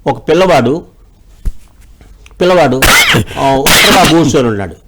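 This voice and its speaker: A man telling short moral tales with lively voice changes and mimicry. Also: on the high side, moderate pace, very noisy. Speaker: storyteller guest. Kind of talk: animated storytelling.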